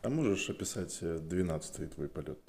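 A man with a low-pitched voice co-hosts an interview. He chats casually, putting in short remarks and questions. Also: lively intonation, brisk, creaky, crowd noise. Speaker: interview show co-host.

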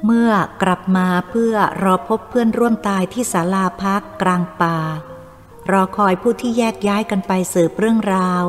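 Woman narrating a story over soft music. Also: medium pitch, fairly even intonation, normal speed. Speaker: audiobook narrator. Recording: long reverb with faint music.

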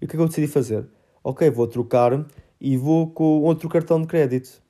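A man's voice: a little high, fairly quick, mellow. A 19-year-old man with a European Portuguese accent, telling a story in a casual vlog and acting out phone calls. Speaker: vlogger.

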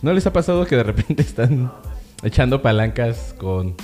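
A man's voice: mid-range voice, sing-song, moderate pace, darkish tone, soft background music. A man with a Mexican accent in a casual comedy chat, teasing and laughing along. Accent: Mexican Spanish.

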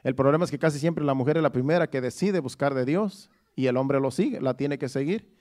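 A man's voice: medium pitch, fairly quick, darkish tone. A middle-aged man preaching a sermon in an earnest, personal way, often restarting his phrases. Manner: earnest, testimonial, with frequent restarts.

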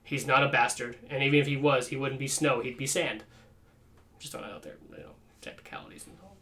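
A man's voice: mid-range voice, steady tone, fast, pushed and bright. A man in a casual podcast chat, profane and joking, talking animatedly.

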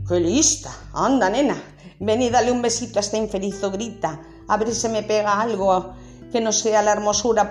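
A woman's voice: medium pitch, darkish tone, natural voice. A woman voicing a chatty, fond ogress wife in a read-aloud story, gossipy and mocking.

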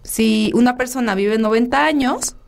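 A woman's voice: fairly high pitch, normal speed, vocal fry. A woman, co-hosting a casual chat, musing aloud with fillers. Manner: conversational, reflective, with fillers.

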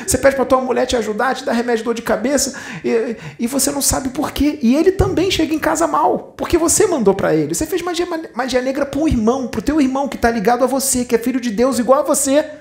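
A spiritist lecturer with a Brazilian Portuguese accent tells a story conversationally, acting out the dialogue in different voices. The voice is high-pitched, fast and gravelly, with few pauses.

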